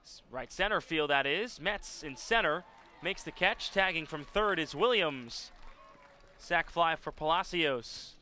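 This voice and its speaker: A man's voice: a little high, expressive, unhurried, bright, forceful tone, slight background noise. A man calling a baseball game live as the play-by-play commentator.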